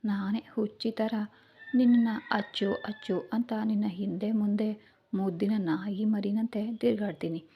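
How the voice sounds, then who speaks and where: A dramatic, pouty young sister who sulks and wheedles, as a woman storyteller puts her on. She talks soft and breathy, often near a whisper. The sound is dull and lo-fi. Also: mid-range voice, little pitch movement, measured pace, pauses often. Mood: sulky. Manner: whiny, sulky, soft-spoken. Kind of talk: storybook reading.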